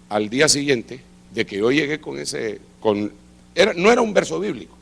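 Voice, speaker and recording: A middle-aged man preaching, telling a testimony with lively acted-out dialogue. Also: medium pitch, creaky. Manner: animated storytelling, acting out quoted dialogue. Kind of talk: sermon testimony. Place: church service.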